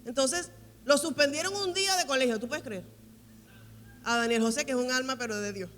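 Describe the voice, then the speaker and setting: A woman's voice: high-pitched, brisk, a bit bright, slight background noise. Emphatic woman preaching in a reverberant hall. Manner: emphatic, repeats key phrases for weight. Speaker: pastor. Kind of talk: sermon at a women's conference. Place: large church hall. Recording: reverberant hall with faint music.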